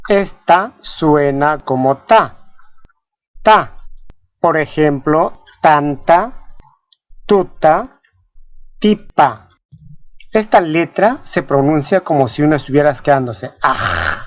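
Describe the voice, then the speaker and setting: Pronunciation lesson, scripted teacher, very slow, repeats each example word, dull lo-fi sound. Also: mid-range voice, expressive, no room sound. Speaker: language teacher.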